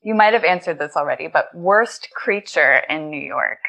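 A woman's voice: deep voice, expressive, normal speed, vocal fry, bright, forceful tone, rough recording. A woman hosting a podcast interview, upbeat and encouraging, laughing often with her guest. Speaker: podcast host. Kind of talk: casual interview chat.

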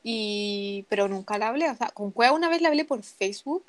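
Young Chilean woman, relaxed casual chat. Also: mid-range voice, brisk, dry recording.

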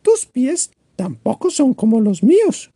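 Squeaky little lost birdie, pleading and teary, storybook read-aloud, swoops around. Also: male voice, big pitch swings, a little slow, mellow, slightly rough, no room sound, full character voice. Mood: eager. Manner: pleading, sobbing. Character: tiny lonely yellow bird chick, tearful.

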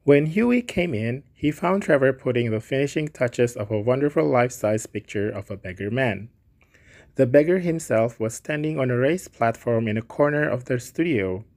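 A man reads a classic short story aloud in a measured, even voice. His pitch is ordinary for a man, and his narration runs along steadily and plainly. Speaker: story reader. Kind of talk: storybook reading.

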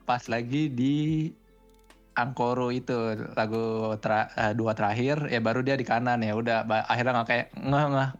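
A man's voice: medium pitch, steady tone, normal speed. A man, chatting casually and recounting events with hesitant restarts. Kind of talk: casual chat. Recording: dull lo-fi with faint music.

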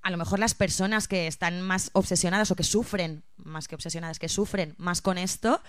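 A woman's voice: fairly low pitch, steady tone, a little fast, no room sound, studio quality. Woman co-hosting a chat podcast. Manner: thinking aloud with restarts and hesitations. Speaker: podcast co-host. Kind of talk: casual chat.

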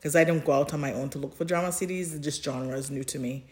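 Speaking quickly in a deep, slightly mellow voice, this podcast co-host keeps the conversation casual. She's emphatic, often repeating phrases for emphasis.

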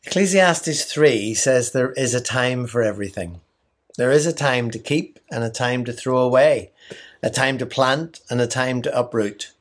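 A middle-aged man from Ireland, a mission leader, reading a devotional message in a measured, prayerful way. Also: medium pitch.

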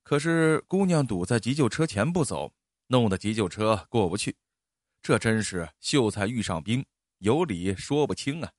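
A man narrating a story in an expressive, animated storytelling style. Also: fairly low pitch, moderate pace, no echo, studio quality.

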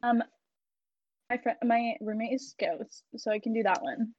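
A woman's voice: a little high, unhurried. A woman co-hosting a podcast in casual chat, giggly and chatty, telling stories between laughs. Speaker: podcast co-host. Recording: slightly dull dry sound.

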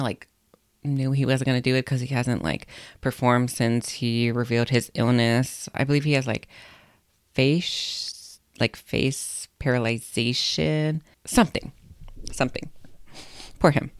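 A woman's voice: rumbling low, smooth, no echo. Chatty young woman podcaster, dry sound. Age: young adult. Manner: chatty, blunt, swears freely. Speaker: podcast host. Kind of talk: casual solo podcast chat.

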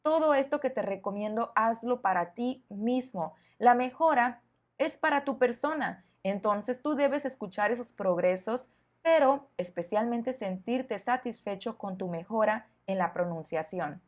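A woman hosting a podcast lesson for learners, speaking clearly and encouragingly to the listener. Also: on the high side, measured pace. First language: Spanish. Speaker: Spanish teacher, podcast host.

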